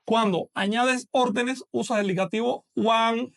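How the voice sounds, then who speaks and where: Man, gravelly voice, patient teacher, step-by-step explanations, live online class. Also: very high-pitched, fairly even intonation, unhurried, a bit bright. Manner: patient, explains step by step, asks questions and answers them.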